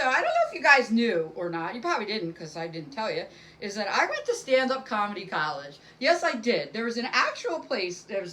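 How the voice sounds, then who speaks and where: A woman's voice: medium pitch, fairly bright tone, poor audio. A middle-aged woman doing a casual stand-up monologue to camera from home, rambling and self-deprecating with many fillers. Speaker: stand-up comic.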